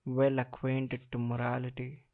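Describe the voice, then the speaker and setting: Through a thin, phone-like recording, a man performs slam poetry in the first person, speaking very slowly in a monotone, medium-pitched voice with heavy creak. Short phrases are set apart dramatically by heavy pauses.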